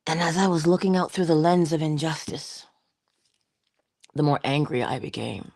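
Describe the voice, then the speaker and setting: Woman with a low, gravelly, mellow voice, dry close mic, reflective speaker who drops into whispers. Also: no room sound. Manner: slow, emphatic, with rhetorical questions and soft whispered asides. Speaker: inspirational speaker. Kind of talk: reflective spoken meditation.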